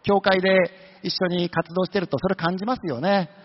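A man's voice: sits high, level tone, fairly quick. A man preaching a sermon, telling the story with humorous asides. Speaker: pastor. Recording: dull lo-fi sound with long hall reverb.

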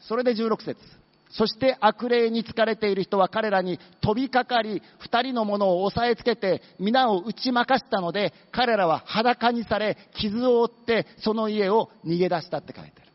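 A man preaching a sermon as a pastor, telling stories and briefly voicing the characters in them. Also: sits high. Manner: storytelling, acting out demons with quick asides. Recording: dull long-reverb hall sound.

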